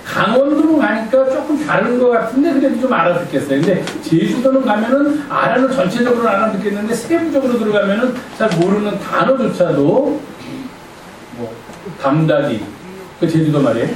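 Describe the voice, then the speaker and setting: High, lively pastor in echoey hall. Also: male voice, brisk, recorded from a distance, a little hiss or hum. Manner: playful, quizzes the congregation. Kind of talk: conversational sermon. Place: church sanctuary. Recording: echoey church hall from afar.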